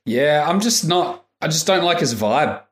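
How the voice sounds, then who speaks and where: A man's voice: a little high, expressive, a little slow. A man co-hosting a sports podcast, giving blunt, laid-back takes in short bursts. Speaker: podcast co-host. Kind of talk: casual sports podcast chat. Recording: echoey room.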